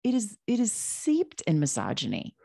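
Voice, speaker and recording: A woman's voice: medium pitch, wildly swooping pitch, moderate pace, gravelly, warm tone, husky, dry recording, clean studio sound. A woman co-hosting a podcast, talking casually and emphatically, with frequent restarts and asides. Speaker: podcast co-host.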